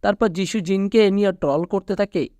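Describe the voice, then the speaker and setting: A man with a Bangladeshi Bengali accent narrating a movie plot recap in a steady storytelling manner. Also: sits high, normal speed, no echo. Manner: steady storytelling recap, quoting characters flatly. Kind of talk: scripted narration.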